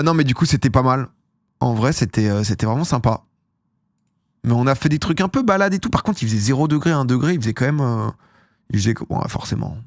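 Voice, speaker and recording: A young man from France talks to his stream viewers in loose, rambling casual chat, full of slang and self-mocking laughs. His voice sits at an ordinary middle pitch. The sound is dry and close, with no room echo.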